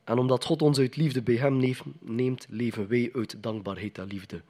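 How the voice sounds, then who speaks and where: Husky-voiced preacher. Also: male voice, medium pitch, fairly even intonation, normal speed, dark tone. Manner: conversational, emphatic, asks the congregation questions. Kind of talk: sermon.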